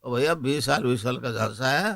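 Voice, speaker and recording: A man in his eighties giving a folksy spiritual discourse as a guru, speaking, asking rhetorical questions and chanting a mantra slowly. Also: medium pitch, vocal fry, fairly bright tone. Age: 80s.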